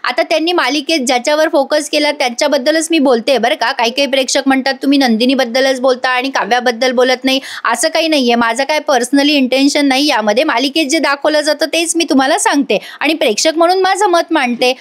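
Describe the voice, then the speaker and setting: A woman's voice: sits high, fast, few pauses. A woman reviewer giving a chatty voice-over recap of a TV serial episode, addressing viewers directly.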